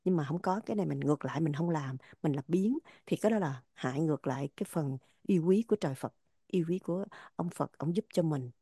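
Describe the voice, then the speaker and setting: A woman leads a spiritual talk, unpacking religious poems line by line. She is earnest and repeats phrases to drive her points home. Her voice sits low and mellow, recorded close in a dry space. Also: fast, slightly rough, no echo. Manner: earnest, repetitive, stressing words. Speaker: religious teacher explaining poems.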